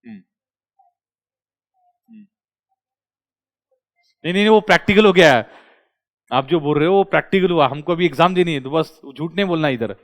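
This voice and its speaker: A male commerce tutor, lecturing a classroom and quizzing his students with quick questions. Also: fairly high pitch.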